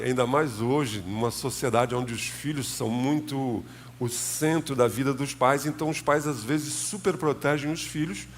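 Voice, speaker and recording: A man's voice: mid-range voice, slight background noise. A man with a Brazilian Portuguese accent, a pastor giving a sermon in a church, talking conversationally and addressing the congregation directly. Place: church sanctuary.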